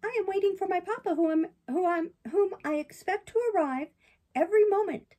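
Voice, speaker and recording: In a storybook reading, a woman voices a naughty, excitable wooden puppet boy, using a high, eager, brisk delivery.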